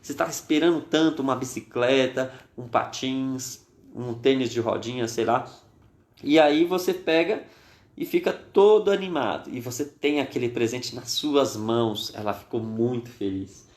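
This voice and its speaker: A man telling a Bible story to children on a live stream, animated and acting out the characters. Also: mid-range voice, moderate pace. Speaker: children's minister. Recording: echoey room.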